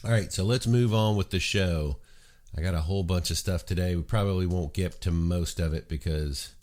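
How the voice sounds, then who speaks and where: This morning chat show host has a deep voice and a touch of cold congestion. He meanders casually at a moderate pace, filling pauses with ums and uhs.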